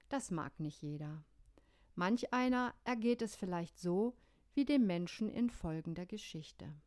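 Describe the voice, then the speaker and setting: A woman pastor giving a radio devotional sermon, calm and measured, telling a story. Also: mid-range voice.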